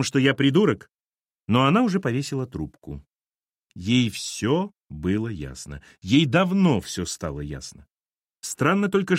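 Male audiobook narrator, animated storytelling voice, dry sound. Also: mid-range voice, dry recording. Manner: expressive, varied storytelling. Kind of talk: scripted narration.

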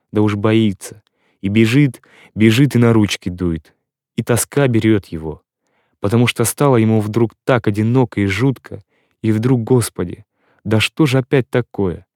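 Mellow male storyteller, dry close sound. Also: medium pitch, no room sound. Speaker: narrator. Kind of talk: literary story reading.

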